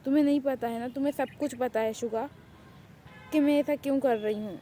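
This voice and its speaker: An anxious young woman doctor played by a woman stammers and pleads in a fan drama. Her voice is slightly high and warm, with a faint background hum. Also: close to an everyday voice. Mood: worried. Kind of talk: amateur Urdu fan drama.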